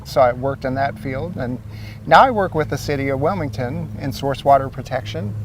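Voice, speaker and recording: A guest from Ohio, a source water protection coordinator, explains in interview answers how his city's water supply works, speaking easygoingly with some fillers outdoors by a lake. His mid-range voice is moderately paced and far from the mic, in a rough recording with a little hiss or hum.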